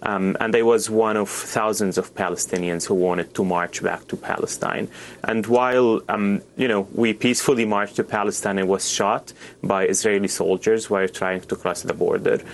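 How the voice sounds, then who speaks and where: A man's voice: fairly low pitch, fairly even intonation, normal speed, gravelly, a little hiss or hum. A young man from Syria, not an English speaker, answering interview questions earnestly with many restarts and fillers. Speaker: guest.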